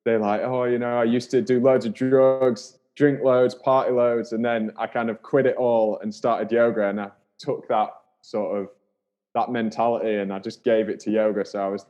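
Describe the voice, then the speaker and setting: A man's voice: medium pitch, little pitch movement, moderate pace, darkish tone. A man hosting a podcast, talking in a friendly, chatty way and laughing easily. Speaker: podcast host. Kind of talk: casual interview.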